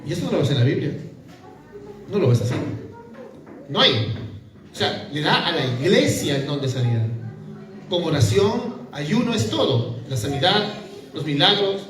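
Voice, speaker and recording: A man's voice: a little high, sing-song, moderate pace, long pauses, fairly bright tone, a little hiss or hum. A man, preaching a sermon in a conversational way, full of rhetorical questions. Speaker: pastor. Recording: echoey room from far off, with a crowd.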